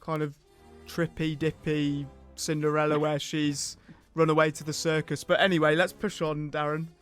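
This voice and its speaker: A male radio host with a notably high voice chats casually through a quiz. He is self-deprecating and hesitant, with light music playing beneath him. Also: little pitch movement, normal speed, fairly bright tone.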